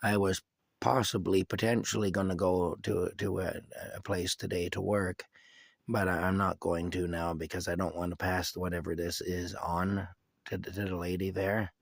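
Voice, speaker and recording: A sick man with a cough, giving a casual, rambling video update from inside his camper, halting and restarting often. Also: sits low, level tone, creaky, no room sound. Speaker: vlogger giving a personal update.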